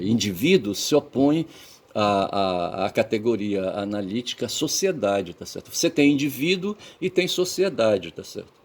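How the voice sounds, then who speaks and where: A Brazilian man vlogging in a digressive, lecturing monologue, peppered with "tá certo?" and "sabe?" and trailing off quietly at the ends of phrases. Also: on the low side. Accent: Brazilian Portuguese. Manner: casual swearing, lecturing tone. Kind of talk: rambling casual monologue.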